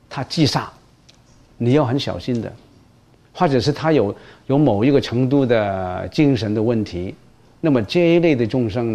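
A man's voice: mid-range voice, a little mellow. A man teaching Buddhist precepts in a dharma lecture, speaking emphatically and often repeating words as he restarts.

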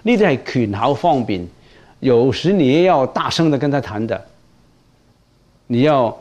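A man's voice: mid-range voice, lively intonation, unhurried, darkish tone. A man teaching Buddhist precepts in a dharma lecture, speaking emphatically and often repeating words as he restarts.

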